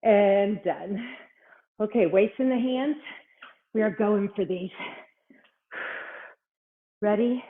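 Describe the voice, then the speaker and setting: A woman instructor exercises along with her class, counting reps and cueing moves with short bits of encouragement. Her mid-range voice is slow with frequent pauses, and the sound is thin and phone-like.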